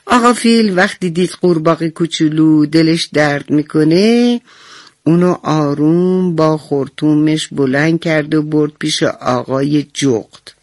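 A woman's voice: deep voice, dry recording. A woman narrating a bedtime story on the radio for children, talking to them directly and affectionately. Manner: warm, addresses children directly.

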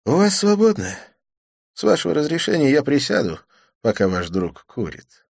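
A man playing a calm, polite Russian tough. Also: on the low side, normal speed, no room sound, clean studio sound, close to an everyday voice.

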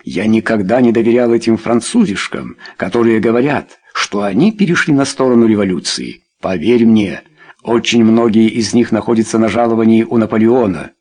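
Audiobook: man voicing an authoritative lord, clipped orders, husky edge. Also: fairly low pitch, normal speed, a little mellow, lightly acted. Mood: commanding. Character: commanding English lord, brisk and decisive. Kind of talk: audiobook character voice.

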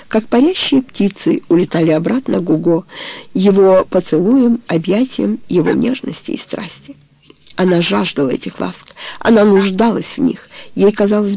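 Woman audiobook narrator, measured narration, dark husky tone, dry close mic. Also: medium pitch, no room sound. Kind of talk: scripted narration of a romance novel.

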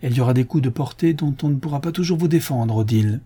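A man reading the part of a stern, calm middle-aged father with a deep voice, speaking in a controlled way. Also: fast talker, slightly rough, close to an everyday voice. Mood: grave. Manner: calm, controlled, bitter irony.

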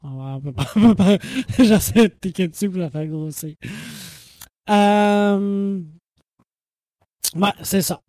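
A man with a Quebec French accent hosts a loose podcast monologue into a microphone. His voice sits a little high with a dark, mellow tone, and the recording is dry. He rambles, hesitates with fillers and swears casually. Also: slow, pauses often, no echo. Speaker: podcast host.

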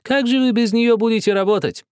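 A man reading an audiobook, voicing a hot-tempered young woman who shouts and exclaims. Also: very high voice, fairly quick, clean tone, no room sound, clean studio sound, pitched above the performer's own voice. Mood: excited. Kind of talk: audiobook character voice.

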